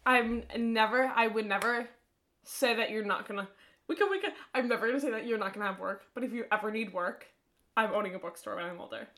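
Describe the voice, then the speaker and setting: A woman's voice: on the high side, fast, fairly bright tone. Young woman co-host, chatty storyteller, easygoing podcast talk. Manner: chatty, trails off with many fillers. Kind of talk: casual chat.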